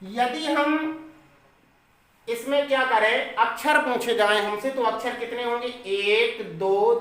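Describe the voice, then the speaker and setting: A man's voice: extremely high pitch, takes it slowly, fairly bright tone, roomy sound, low-quality recording. A male teacher giving an online grammar lesson for exam preparation, who keeps asking the class questions and answering them himself.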